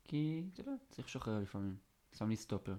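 Joking man telling a podcast story. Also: fairly low pitch. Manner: joking storyteller, lively and teasing. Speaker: podcast co-host. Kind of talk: casual podcast chat.

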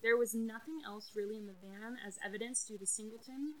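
Chatty bright-voiced woman telling a story. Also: fairly high pitch, a little fast, poor audio. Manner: chatty, frequent fillers and restarts. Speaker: podcast co-host telling a true crime story. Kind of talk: casual conversational storytelling.

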